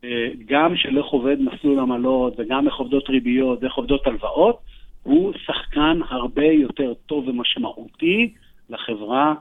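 A man speaking as a radio interview guest, earnest and urgent, often pausing with hesitations. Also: mid-range voice, wildly swooping pitch, creaky. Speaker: interview guest, economic educator. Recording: tinny phone line.

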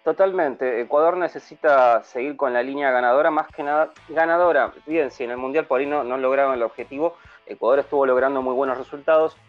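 A man giving relaxed, opinionated views on football in a casual chat. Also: mid-range voice, a little fast, hardly any pauses. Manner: relaxed opinionated talk with fillers. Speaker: panelist. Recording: dull lo-fi sound, faint music.

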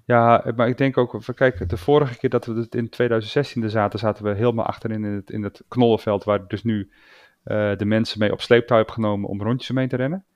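Low-voiced Dutch man, hesitant talk. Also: little pitch movement, fast talker, darkish tone, no room sound. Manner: hesitant, restarts often, agreeable. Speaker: podcast co-host. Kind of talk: casual podcast discussion.

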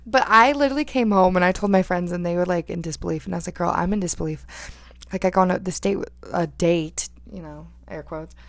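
A woman's voice: lowish voice, fast talker, dry recording. A woman in her early twenties casually telling a dating story, full of "like" and laughing as she talks. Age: 20s. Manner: chatty, lots of "like", laughs while telling.

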